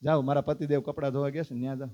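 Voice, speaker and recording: A man's voice: medium pitch, little pitch movement, racing, dark tone, muffled recording, lightly acted. A man voicing a weary housewife who pleads and complains, in a retold sermon story.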